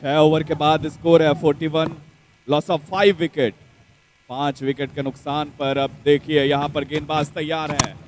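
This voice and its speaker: High-pitched man, dramatic cricket commentator. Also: level tone, measured pace, a little hiss or hum. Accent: Indian. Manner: dramatic, poetic flourishes. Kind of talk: live Hindi cricket commentary.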